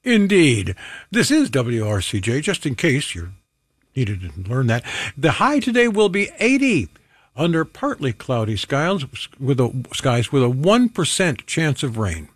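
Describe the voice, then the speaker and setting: Male radio host, lively up-and-down delivery, dry close studio sound, casual, wry asides. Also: mid-range voice, unhurried, husky, dry recording. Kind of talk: casual on-air presentation. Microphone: studio microphone.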